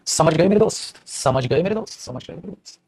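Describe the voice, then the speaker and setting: A man's voice: on the high side, lively intonation, a little fast, darkish tone. A man teaching English grammar in an online live class. He calls his students 'beta' fondly, mixes Hindi and English, and makes teasing asides.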